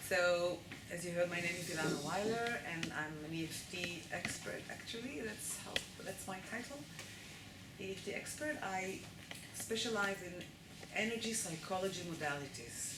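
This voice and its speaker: A woman with an Israeli accent and a lowish voice lectures to a live audience at normal speed, checking in with them as she goes. Her voice rings around an echoey room over steady background noise.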